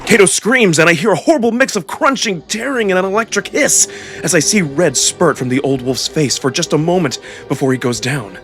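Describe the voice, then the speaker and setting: A man, acting as narrator and voice performer, voices a visual novel in the first person with theatrical immersion. His voice is a little high, a little fast, and lively in intonation. Music underlies the recording.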